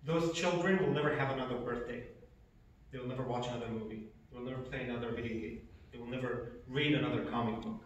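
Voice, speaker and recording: A man's voice: mid-range voice, fairly even intonation, fast, highs cut off, a little hiss or hum. A man, giving an earnest personal testimony with emphatic repetitions. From Egypt. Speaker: speaker. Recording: echoey hall from far off.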